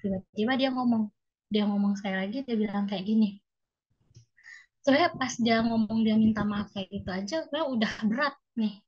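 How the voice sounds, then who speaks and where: A young woman telling an emotional personal story in a halting, hesitant way, with many fillers. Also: medium pitch, slightly rough. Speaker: guest sharing a personal story. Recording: muffled lo-fi call audio.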